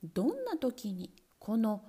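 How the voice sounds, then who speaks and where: A woman reads a children's story aloud in a gentle, expressive manner. Her fairly high voice rises and falls with lively movement. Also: slow pace, slightly rough.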